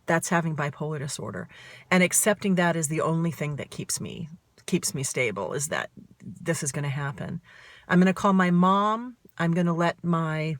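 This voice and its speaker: A middle-aged woman talking straight to camera in a fast, emphatic way, asking herself questions and answering them. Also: on the low side, dry recording. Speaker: author and mental health advocate. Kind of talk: self-recorded talk to camera.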